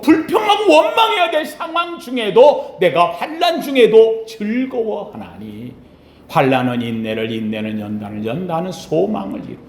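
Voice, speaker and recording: Male pastor, high and very animated delivery, sermon in a reverberant sanctuary. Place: church sanctuary. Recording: echoey church sanctuary.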